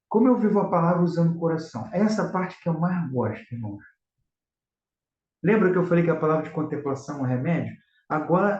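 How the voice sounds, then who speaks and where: A man's voice: fairly high pitch, a little mellow. A man with a Carioca accent teaching a religious class on prayer, earnest and exhorting as he addresses his listeners as brothers. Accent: Carioca (Rio de Janeiro). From Rio de Janeiro, Brazil. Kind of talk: religious lesson. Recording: echoey room, slightly dull sound.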